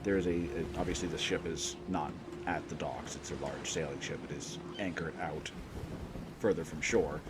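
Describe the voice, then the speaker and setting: A man's voice: rumbling low, steady tone, normal speed, very noisy. A man narrating as game master of a tabletop game, with loose, rambling description full of restarts and a cough.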